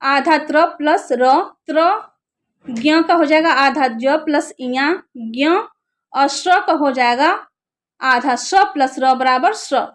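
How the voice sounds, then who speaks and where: A young woman teaches an exam-prep lesson in a high voice and at an unhurried pace. She poses questions to her class, then answers them herself and repeats each key term so it sticks.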